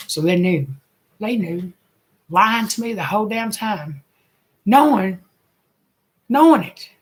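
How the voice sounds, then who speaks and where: A woman's voice: lowish voice, a little slow. A woman, a single mother venting in a blunt, emotional rant full of swearing and bitter laughs. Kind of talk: angry personal rant.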